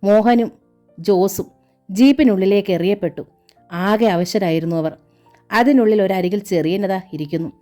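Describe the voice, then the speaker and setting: A woman narrating a serialized novel in a steady, measured storytelling voice. Her pitch is middling and unremarkable, and soft music runs faintly underneath.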